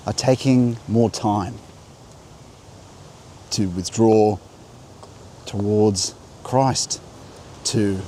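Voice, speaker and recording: A man hosting a reflective spiritual vlog, speaking slowly and meditatively with soft laughs while outdoors in a coastal national park. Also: on the low side, a little hiss or hum. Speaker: host. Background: crickets and insects.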